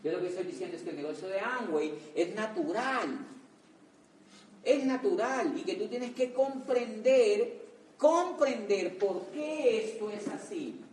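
A man with a Colombian accent, giving an animated motivational training talk as a network marketing trainer, telling stories with emphatic repetition. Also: sits high, unhurried, echoey room, far from the mic, slight background noise, low-quality recording. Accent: Colombian Spanish. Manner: animated, emphatic storyteller with repeated words.

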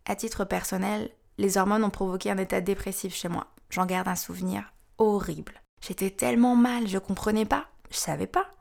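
A woman's voice: medium pitch, steady tone, normal speed, vocal fry, few pauses, a little mellow. A woman in her thirties hosting a podcast, reading scripted narration in a frank, wry, confiding way. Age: 30s. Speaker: podcast host.

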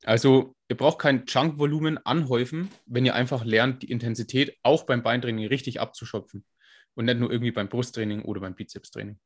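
A man with a scratchy smoker's rasp, co-hosting a podcast and explaining technical points in an informal, casual way. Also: mid-range voice, steady tone, a little fast. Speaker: podcast co-host and fitness coach.

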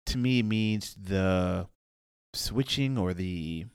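A man's voice: deep voice, slow, clear, resonant tone, dry recording, clean studio sound. A young man co-hosting a podcast, casually thinking aloud, searching for words and quoting his own thoughts. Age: young adult. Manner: rambling, searches for words, quotes himself. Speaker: podcast co-host. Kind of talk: casual chat.

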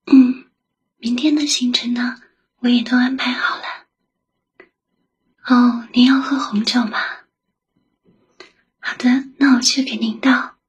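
A woman whispering softly as an attentive young secretary who looks after her boss in an ASMR roleplay. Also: a little high, fairly even intonation, slow pace, pauses often, husky, dull audio, heavily acted. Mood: caring. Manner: soft whispering, gentle and solicitous.

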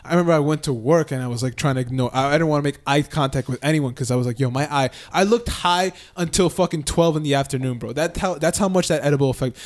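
A young man chatting casually with a friend, telling a long, animated story full of slang and swearing. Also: fairly high pitch, fast talker, hardly any pauses. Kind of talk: casual chat.

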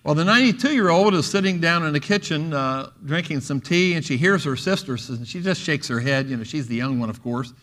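A man's voice: a little high, lively intonation, brisk, hardly any pauses, a bit bright. A middle-aged man preaching a sermon, telling jokes and stories and raising his voice for the quoted lines.

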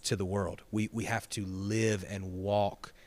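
A man's voice: fairly low pitch, little pitch movement, unhurried, a little mellow. A man, a pastor, talking earnestly in an interview, with emphatic repeated phrases that build like preaching.

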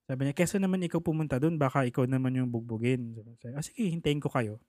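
A man's voice: mid-range voice, quick pace, dry recording, clean studio sound. A man casually telling a personal story, acting out the people he quotes. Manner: animated, acts out the people he quotes.

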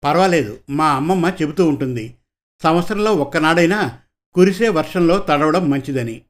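A man's voice: fairly high pitch, expressive, normal speed, close to an everyday voice. A man reading a story, voicing a friendly, good-humored young police sub-inspector. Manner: easygoing, smiling. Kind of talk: audiobook character voice.

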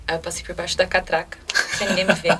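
A Brazilian woman in her twenties talks fast and emotionally, jumping into quoted lines of dialogue as she retells a personal story. She sits a bit back from the mic, and faint music plays underneath. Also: lowish voice, little pitch movement, a bit bright, distant mic. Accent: Brazilian Portuguese. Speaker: interview guest.

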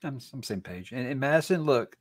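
A man's voice: medium pitch, brisk, dry recording. A man hosting a podcast, chatting casually and jokingly with many restarts. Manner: animated, jokey, many restarts. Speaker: podcast host. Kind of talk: casual chat.

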